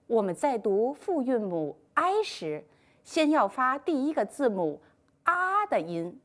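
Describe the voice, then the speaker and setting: Slow, bright-toned woman teaching small kids. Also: on the high side. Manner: slow, sing-song, encouraging teacher talk. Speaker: primary school teacher. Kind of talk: scripted online lesson for young children.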